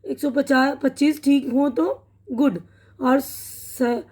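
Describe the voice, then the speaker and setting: High-voiced woman teaching English vocabulary. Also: steady tone, darkish tone. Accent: Pakistani Urdu. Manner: patient, repeats words slowly, checks in with "theek hai na".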